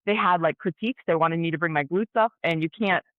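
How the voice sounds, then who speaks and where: A woman's voice: lowish voice, fast, dry recording. Chatty woman on a tinny call line. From Colorado, USA. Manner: animated, chatty storyteller with many "like" fillers. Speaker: guest, ER nurse and pro athlete. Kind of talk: casual storytelling interview. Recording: tinny phone-like dry audio.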